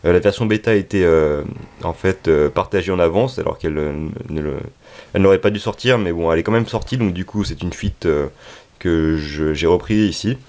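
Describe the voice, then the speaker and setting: A man with a very low voice presents a tech tutorial. He speaks unscripted and haltingly, pausing often to find his next words. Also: darkish tone. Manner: hesitant, halting delivery with frequent pauses. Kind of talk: unscripted app tutorial narration.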